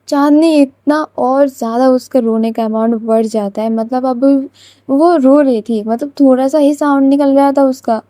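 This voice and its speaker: A woman's voice: sits high, warm tone, no echo. A woman telling a love story in a chatty, repetitive way, close to the mic. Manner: chatty, repetitive, uses "matlab" fillers. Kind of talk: casual story narration.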